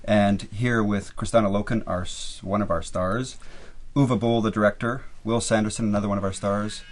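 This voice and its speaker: A film producer with a low voice opens a commentary. He briskly runs through who is present. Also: fairly even intonation. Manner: brisk, introduces others. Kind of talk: DVD commentary introductions.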